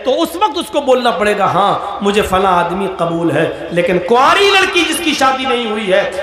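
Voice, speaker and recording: A man preaching a sermon at a religious gathering, animated and swinging between loud emphasis and soft asides. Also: extremely high pitch. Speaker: Islamic preacher. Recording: echoey hall, faint noise.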